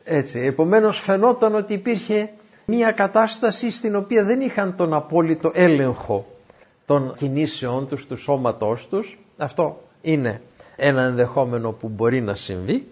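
A man preaching from the Bible with a husky, slightly raised voice that swings widely up and down as he tells the story. He keeps asking his listeners questions as he goes. The recording is dull and muffled. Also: on the high side. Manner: lively storyteller who asks the listeners questions. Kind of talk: Bible teaching talk.

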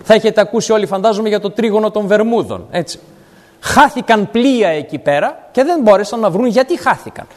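Male preacher, very high voice, explains scripture verse by verse, reverberant hall. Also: expressive. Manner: expository, quotes scripture and explains it. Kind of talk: sermon with Bible exposition.

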